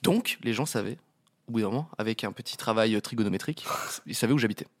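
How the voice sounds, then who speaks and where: A man's voice: fairly low pitch, fast. Hesitant young man telling a story. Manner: hesitant, teasing, laughs. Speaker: co-host of a live stream. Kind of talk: casual chat, telling anecdotes.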